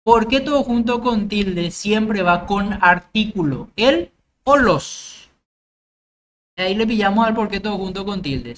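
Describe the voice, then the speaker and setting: A woman's voice: mid-range voice, a little hiss or hum. A woman teacher, giving a grammar lecture step by step with examples and often checking that the class understands. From Paraguay.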